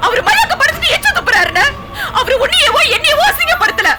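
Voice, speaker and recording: Brief: indignant young wife, very high, lively, faint score. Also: female voice, fast, crowd noise. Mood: defiant. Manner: defiant, indignant. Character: wronged pregnant young wife, defiant. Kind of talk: TV serial acting.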